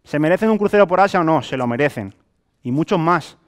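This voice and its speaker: With lively intonation and a quick pace, a young Spanish-accented man sells to a small live audience inside a hotel meeting room. He has a slightly high male voice and a colloquial, spirited delivery built on rhetorical questions and everyday examples.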